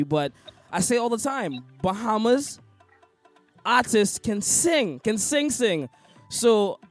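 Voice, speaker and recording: A male DJ hosts this interview over a video call with a notably high voice. He gushes, leans on emphasis and repeats himself as he praises his guests. Soft music plays faintly underneath. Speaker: DJ and interview host. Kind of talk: casual interview chat.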